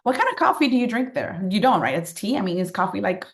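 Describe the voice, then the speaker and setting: A chatty woman hosts an interview, upbeat and quick to laugh. Her voice sits at a middling pitch. It rings a little in a roomy space. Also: big pitch swings. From Miami, Florida. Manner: upbeat, laughs often, drops Spanish words. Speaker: podcast host. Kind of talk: casual interview. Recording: roomy echo.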